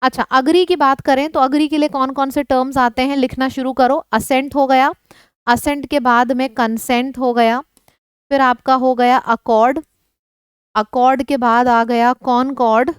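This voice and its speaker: Female tutor, Hindi native, bright high smooth voice, patient vocabulary drill with frequent check-ins. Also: level tone, normal speed, dry recording. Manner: explains words in mixed Hindi and English, checks in often. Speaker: teacher. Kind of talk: online vocabulary lesson.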